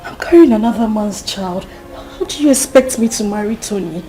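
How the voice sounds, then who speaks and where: An actress playing a distressed, cornered young pregnant woman with a Nigerian accent, pleading haltingly in a film drama. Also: mid-range voice, a bit bright, faint music behind, natural voice. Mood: pleading, desperate. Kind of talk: Nollywood film acting.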